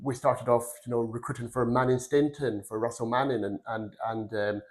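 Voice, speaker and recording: This is a casual career interview with a podcast guest: a recruitment firm founder in his forties, originally from Glasgow, Scotland. His voice is mid-range and darkish with a level tone and moderate pace, and he tells his story in a rambling, earnest way.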